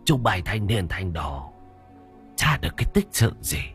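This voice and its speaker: A man voicing a bossy, gruff old male village shaman who barks orders and scolds. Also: low-pitched, big pitch swings, normal speed, a bit bright, faint music behind. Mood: scolding. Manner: barking, scolding, urgent.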